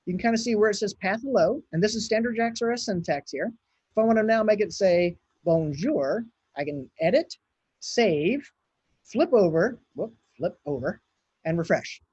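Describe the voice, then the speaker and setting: A man's voice: sits high, animated, normal speed, a little mellow, slightly rough, no room sound, highs cut off. Chatty man giving a live coding demo. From Hawaii. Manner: chatty, thinks aloud while clicking and typing. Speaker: conference speaker.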